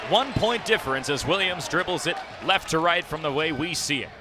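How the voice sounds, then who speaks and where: A young man with a fairly high, expressive voice calls basketball play-by-play for radio, speaking fairly quickly in clipped phrases and making emphatic calls on big plays. The live broadcast from an indoor arena is noisy, with crowd noise and a bouncing ball in the background.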